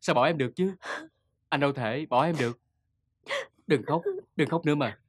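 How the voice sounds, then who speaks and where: An actor playing a devoted young boyfriend with a Southern Vietnamese accent, soothing and reassuring. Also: male voice, on the high side, moderate pace, dry recording, clean studio sound, lightly acted.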